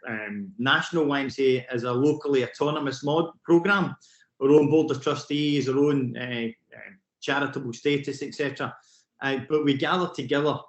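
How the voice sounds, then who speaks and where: Joining a conference remotely by video call, a middle-aged Glaswegian man who directs a youth work programme presents in a mid-range voice. The sound is roomy, and he speaks quickly and excitably, with plenty of fillers and false starts.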